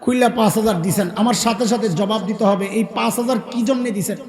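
A man's voice: high voice, fairly quick, a little mellow. A man with a Bangladeshi Bengali accent preaching a sermon, emphatically quizzing the crowd with call-and-response questions. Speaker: Islamic preacher. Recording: echoey hall with long reverb.

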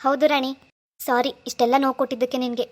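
A woman's voice: high voice, level tone, fast, pitched below the performer's own voice, lightly acted. A woman voicing a young husband in a cartoon, earnest, pleading and insistent. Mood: apologetic. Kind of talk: animated cartoon dialogue.

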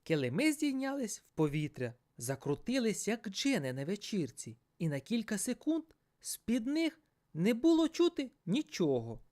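A woman reading a children's fairy tale aloud with playful expression. Her pitch rises and falls in a lively way, and her voice sits in the middle. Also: moderate pace. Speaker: storyteller.

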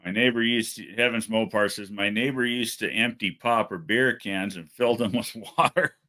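Bright-toned, low-voiced cursing man. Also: moderate pace. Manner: profane, laughing, lots of "you know". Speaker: host of a car show live stream, reading chat. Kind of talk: casual chat.

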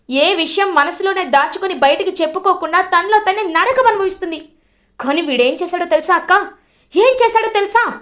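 Lady doing a fierce strict mom in a storybook, high voice, snaps her words hard. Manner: scolding, sharp, emphatic. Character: stern, fierce middle-aged mother and aunt.

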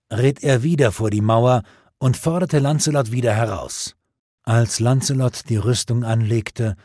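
A man narrating an audiobook in a measured, dramatic storytelling manner. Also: mid-range voice, darkish tone, husky, dry recording, clean studio sound.

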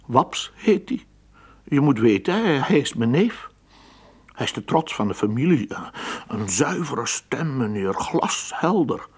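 A man's voice: mid-range voice, very animated, unhurried, slightly rough, voice pushed up. A man voicing a chatty, fond male water rat in a storybook reading, talking in an exclaiming way. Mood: wistful.

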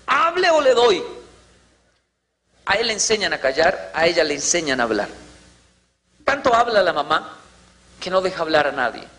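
A man's voice: fairly high pitch, expressive, fairly quick, long pauses, pushed and bright, big-room sound, poor audio. A man giving a lecture, telling stories and acting out family scenes. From Colombia. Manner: storytelling, acts out family scenes. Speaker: motivational speaker. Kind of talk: lecture to an audience.

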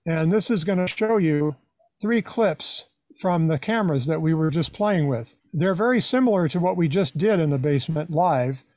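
An older man with a slightly high, dark-toned voice gives a conversational live tutorial, recorded dry. He's a hobbyist presenter teaching video editing in an informal way.

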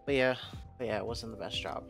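A man's voice: fairly low pitch, brisk, fairly bright tone. A man, a former hotel night clerk, telling blunt, rambling stories about his old job in a casual vlog. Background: background music.

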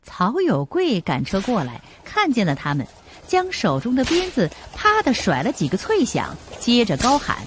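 A woman narrating an audiobook drama with steady storytelling. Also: fairly high pitch, moderate pace, slight background noise.

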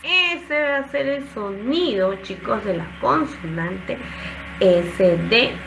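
A woman teaches small children in a coaxing, sing-song voice. She speaks slowly, with a fairly high pitch. The recording carries a steady background noise. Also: gravelly. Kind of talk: online class for young children.

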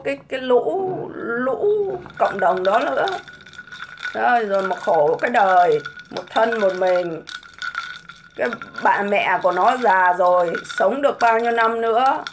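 A woman's voice: a little high, a little hiss or hum. A middle-aged woman ranting scornfully on a casual livestream, full of mocking rhetorical questions. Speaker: livestream host.

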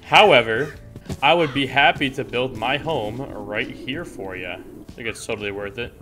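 A man giving casual, excitable gameplay commentary, exclaiming and swearing at what he comes across. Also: mid-range voice, normal speed, faint music behind. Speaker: gamer.

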